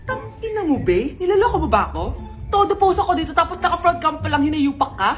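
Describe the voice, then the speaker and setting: Super high pitched filipino lady hamming up a loud teasing comedy skit character, music blasting under it. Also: very animated, fast talker. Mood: indignant. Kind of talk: exaggerated comedy skit acting in Tagalog.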